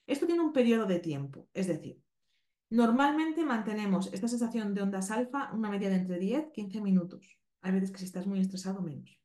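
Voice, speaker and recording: A woman's voice: mid-range voice, fairly quick, dark tone. Spanish woman from spain teaching on a podcast, explains stuff step by step, keeps checking in, echoey room. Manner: explanatory, checks in with listeners often. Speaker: animal communication teacher. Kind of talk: podcast lesson. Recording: roomy echo.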